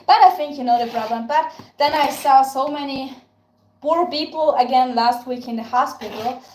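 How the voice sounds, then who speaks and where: A high, somewhat dark voice at normal speed belongs to a young Tyrolean woman whose native tongue is German in its Tyrolean dialect, spoken with an Austrian German accent. Baking during a casual live stream, she chats, responds to viewers' comments and thanks them a lot. The recording comes from an echoey space with background noise.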